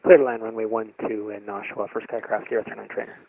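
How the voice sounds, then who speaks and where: A man reads back a clearance as a pilot over a headset radio, quick and utterly flat. His gravelly voice comes through a tinny, hissy radio line. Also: fairly low pitch. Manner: flat monotone readback. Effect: pilot's cockpit radio through a headset mic. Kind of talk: clipped radio readback.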